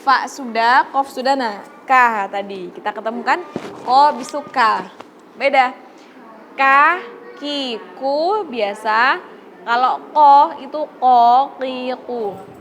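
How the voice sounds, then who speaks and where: A woman's voice: high voice, a bit bright, slight background noise. A woman teaching Quran letter pronunciation, patiently drawing out each example syllable by syllable. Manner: patient, drawn-out model recitations.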